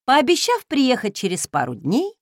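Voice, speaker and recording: Woman narrator, expressive and wry, very lively pitch, dry close sound. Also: normal speed, no room sound. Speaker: audiobook narrator. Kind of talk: first-person novel narration.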